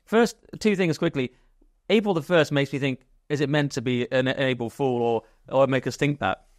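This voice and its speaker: A man co-hosting a political chat podcast, riffing in a jokey, animated way. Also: medium pitch, moderate pace, no echo, studio quality. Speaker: podcast co-host.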